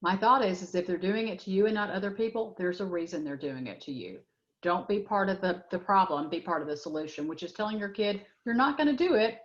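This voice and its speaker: Speaking fairly quickly in a lowish voice, a middle-aged woman takes audience questions during a workshop. Her advice is blunt and direct, peppered with fillers, over dull lo-fi web audio.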